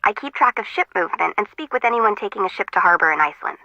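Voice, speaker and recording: A woman's voice: mid-range voice, expressive, quick pace, gravelly, pushed and bright, dry recording. A woman voicing a quirky young female harbor intern in a game, rambling and joking at her own expense, with a muffled, lo-fi sound. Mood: chatty. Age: young adult. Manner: rambling, joking, self-mocking.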